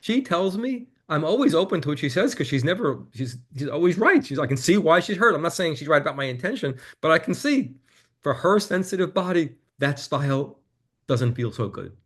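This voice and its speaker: A man, a guest on an interview, telling a personal story in a candid, reflective way and growing animated as he quotes his own conversations. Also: on the high side, fairly quick, husky.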